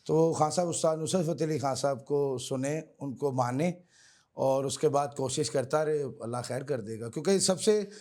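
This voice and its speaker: Male singer, mellow tone, earnest guest. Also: medium pitch, normal speed. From Pakistan. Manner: earnest, repeats honorifics, addresses host as sir. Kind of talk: interview answers.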